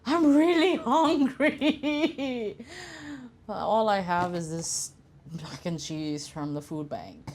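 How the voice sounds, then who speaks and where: A woman's voice: mid-range voice, lively intonation, slow pace, slight background noise. Playful woman raised in Singapore. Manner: playful, laughing. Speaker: cooking guest. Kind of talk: casual cooking show chat. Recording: music bed behind.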